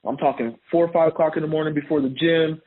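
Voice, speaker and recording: A man's voice: a little high, quick pace. Laid-back man telling stories on a tinny line. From Honduras. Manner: relaxed storytelling, laughs often. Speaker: podcast guest. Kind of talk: casual interview chat.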